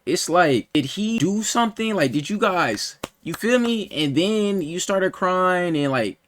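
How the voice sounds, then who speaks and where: A man with a lively, slightly raised pitch that rises and falls as he reacts. He questions and pushes back in casual slang, sounding incredulous. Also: unhurried, slight background noise. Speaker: commentary host. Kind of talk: reaction commentary.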